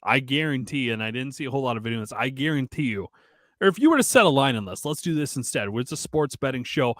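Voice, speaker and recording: A man's voice: medium pitch, expressive, quick pace, fairly bright tone, no room sound, clean studio sound. Loose, profane man talking sports bets. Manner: loose, profane, laughing banter. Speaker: co-host. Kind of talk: casual sports betting chat.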